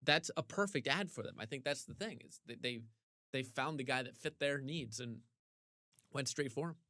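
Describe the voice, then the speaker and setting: A man co-hosting a casual sports podcast, ranting animatedly with big jumps in pitch, his voice getting a little hoarse. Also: moderate pace, pushed and bright, dry recording, clean studio sound. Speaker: podcast co-host.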